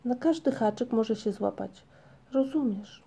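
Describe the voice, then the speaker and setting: A woman voicing a young Moomin, eager and lively. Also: on the high side, unhurried, gravelly, breathy edge, voice pushed up, full character voice. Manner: lively, exclaiming. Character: young male Moomin, cheerful eager troll.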